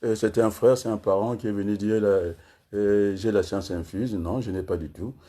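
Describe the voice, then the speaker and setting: A low, dark-toned man from Congo holds forth in a rambling political address. His husky voice circles back again and again to ask whether his listeners agree, and at times he slows down to break words into syllables. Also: steady tone. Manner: rhetorical, keeps asking listeners for agreement. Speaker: political speaker.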